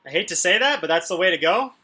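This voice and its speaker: A man's voice: high-pitched, expressive, quick pace, sharp tone. A man coaching a home workout on a casual livestream, chatting informally with viewers and giving instructions. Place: indoors at home.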